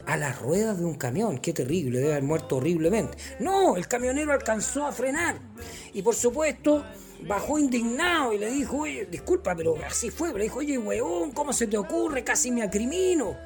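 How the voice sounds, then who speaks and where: A man's voice: high voice, darkish tone. A man playing a cheeky, rambling male vagabond who tells jokes with a Chilean accent. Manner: rambling storyteller full of fillers and punchlines. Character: cheeky joke-telling male vagabond, middle-aged.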